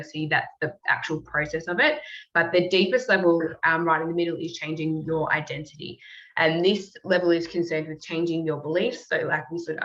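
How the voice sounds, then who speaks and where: A woman hosting a casual motivational talk, rambling with many fillers and self-corrections, clearing her throat now and then. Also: low voice, a bit bright, dull audio. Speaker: host. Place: call or online meeting.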